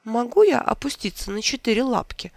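A reader voicing a clever, polite talking rabbit in a storybook tale, lifted higher than the narration. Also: sing-song, brisk, no echo. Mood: eager.

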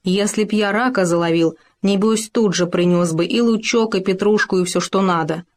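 A woman's voice: mid-range voice, moderate pace, natural voice. A woman voicing a fussy, boastful male hamster who whines and grumbles indignantly in a children's story. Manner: plaintive, indignant shouting.

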